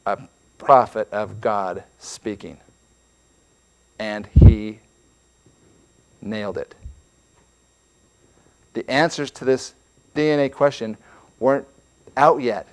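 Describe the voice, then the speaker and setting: A man's voice: medium pitch, darkish tone. Earnest man giving a church lecture. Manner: earnest, emphatic, repeats words. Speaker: church speaker. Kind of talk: religious lecture.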